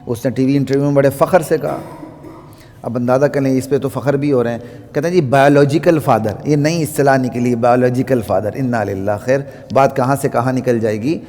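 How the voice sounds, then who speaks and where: A man delivering a Friday sermon in a mosque, stressing his points by slowly repeating phrases. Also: medium pitch, dark tone. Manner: slow, emphatic repetition of phrases. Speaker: Friday preacher. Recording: long hall reverb.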